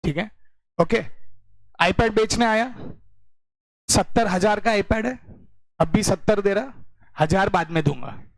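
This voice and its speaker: High-voiced joking commerce teacher, unhurried. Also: male voice, no echo, poor audio. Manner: joking, mixes Hindi with English explanations. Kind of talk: classroom lecture. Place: classroom.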